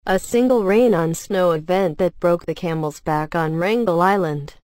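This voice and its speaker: Woman narrator doing nature documentary science script, lowish voice, really dry close sound. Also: darkish tone, no echo.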